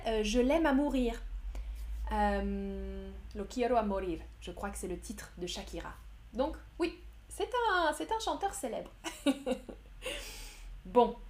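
A young woman teaching French on a live stream, speaking slowly and clearly, explaining words with simpler synonyms and answering viewers' chat. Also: high voice. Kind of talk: live-streamed language lesson, reading chat.

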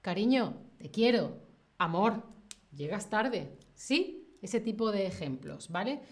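A woman's voice: mid-range voice, expressive, takes it slowly. A woman teaching a live grammar lesson, often checking in with listeners and acting out example phrases in a raised voice. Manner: checks in constantly with rhetorical "¿sí?" and "¿vale?". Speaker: Spanish teacher.

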